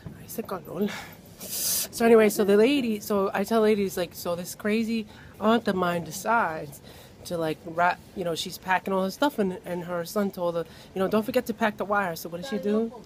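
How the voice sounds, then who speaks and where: A young man telling a family story in a casual vlog to his phone camera. He is animated, mimics the people he quotes and drops Spanish words into his talk. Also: high-pitched, moderate pace, slight background noise.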